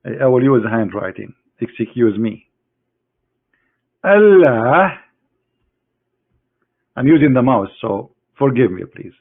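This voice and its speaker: A man's voice: mid-range voice, moderate pace, vocal fry, few pauses, husky. Guy, scornful and sarcastic, talks right at the other side, sounds thin like a phone line. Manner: scornful, sarcastic, addressing an opponent directly. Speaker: religious critic presenting a screen demonstration. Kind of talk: mocking screen-share lecture.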